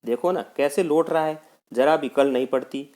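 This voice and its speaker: A man's voice: a little high, moderate pace, darkish tone, pitched above the performer's own voice, lightly acted. A male teacher voicing a worried mother who coaxes and frets over her sick young son. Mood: anxious. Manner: fussing, pleading.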